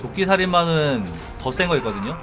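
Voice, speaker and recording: A man streams a strategy game in an animated voice that moves up and down a lot. He thinks aloud and explains his tactics casually, with game music clearly playing behind him. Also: fairly high pitch, a little fast.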